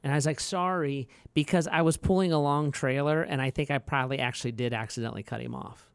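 A middle-aged man co-hosting a podcast, chatting casually and telling animated stories with frequent restarts. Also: mid-range voice, quick pace, gravelly, clear, resonant tone, no room sound. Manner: animated storyteller who acts out quoted voices; frequent restarts and filler words. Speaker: podcast co-host.

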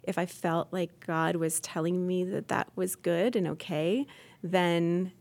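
A woman in her thirties, a podcast guest, talking earnestly and thoughtfully on a faith podcast, pausing and restarting as she thinks. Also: fairly low pitch, steady tone, vocal fry, a little mellow. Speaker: podcast guest, incoming host.

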